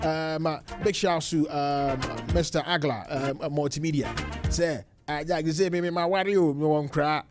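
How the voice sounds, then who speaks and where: A man with a Ghanaian accent hosting a lively call-in debate, interrupting and repeating phrases emphatically as he switches between languages. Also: on the high side, normal speed, over music. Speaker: radio show host.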